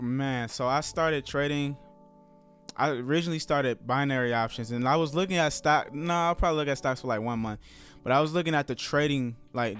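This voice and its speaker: A man's voice: mid-range voice, a bit bright, smooth. A man who has just turned thirty, chatting casually with viewers during a live trading stream in a laid-back, rambling way. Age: 30s.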